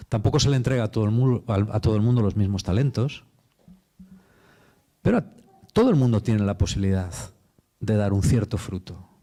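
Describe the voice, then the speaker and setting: A man's voice: on the low side, expressive, a little fast, long pauses, warm tone. A man with a Spain Spanish accent preaching a sermon in an informal, chatty storytelling way, with casual slang. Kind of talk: conversational sermon.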